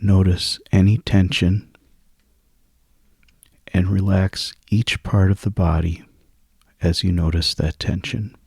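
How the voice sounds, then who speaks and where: With long pauses between phrases, a man leads a guided sleep meditation in a hushed, husky, soothing voice that sits low and stays flat in delivery. The audio is studio quality with no echo.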